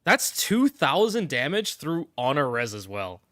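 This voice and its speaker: A man's voice: on the high side, big pitch swings, a little slow, a bit bright, no echo. Stuffy-nosed man streaming games. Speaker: game streamer. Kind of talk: casual live gaming commentary.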